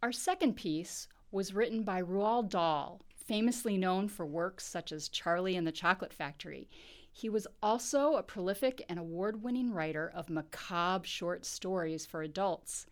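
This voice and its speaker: A woman host introducing the next reading in a calm, inviting way. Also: lowish voice, normal speed.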